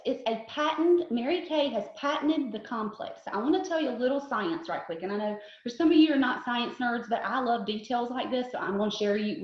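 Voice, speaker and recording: A woman in her forties, a chatty beauty consultant giving an upbeat product demonstration and asking viewers to repeat after her. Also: a little high. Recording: echoey room, slightly dull sound.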